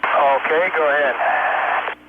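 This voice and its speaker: A man's voice: a little high, slow, narrow, tinny audio. A male astronaut in orbit speaking in clipped radio procedure talk over a crackly space-to-ground radio link that breaks up. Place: spacecraft cabin.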